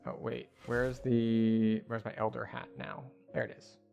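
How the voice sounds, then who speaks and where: Man, mid-pitched voice, casual gaming commentary, muttering to himself, game music in the background. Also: flat delivery, unhurried, vocal fry, darkish tone, lo-fi sound. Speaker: gamer playing and commenting.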